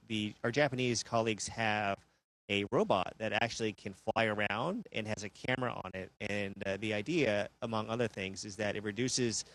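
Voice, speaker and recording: A man speaking as an astronaut, giving measured, explanatory answers in a live question-and-answer downlink from a space station. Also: lowish voice, low-quality recording.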